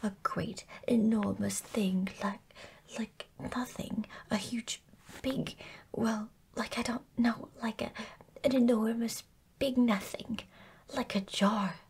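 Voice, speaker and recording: A woman's voice: on the high side, steady tone, takes it slowly, vocal fry, darkish tone, husky, voice pushed up, full character voice. A woman voicing a small, timid, easily panicked male piglet in a whispered bedtime story, stammering and repeating words. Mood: flustered, breathless.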